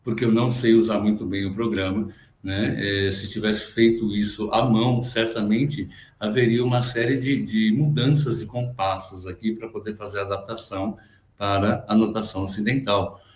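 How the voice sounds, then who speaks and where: A man's voice: on the low side, fairly even intonation, moderate pace, roomy sound. A man teaches Byzantine chant on a video call, explaining and tagging his points with frequent questions, now and then chanting a short phrase. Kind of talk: online music lecture with sung examples.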